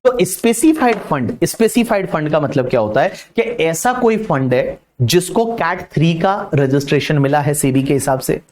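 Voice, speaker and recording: A man giving an exam-prep tax lecture. He reads legal text slowly, then paraphrases it quickly and repeats each point several times. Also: on the high side, expressive, a little mellow.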